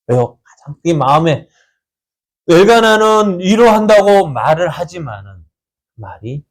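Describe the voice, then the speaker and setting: A man's voice: a little high, a little mellow. A man pastor preaching a sermon in a church, asking the congregation rhetorical questions.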